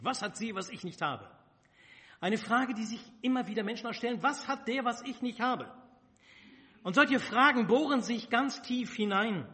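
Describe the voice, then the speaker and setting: A man's voice: sits high, bright, forceful tone. A man preaching a sermon, retelling a Bible story in the first person with emphatic rhetorical questions. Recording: reverberant hall.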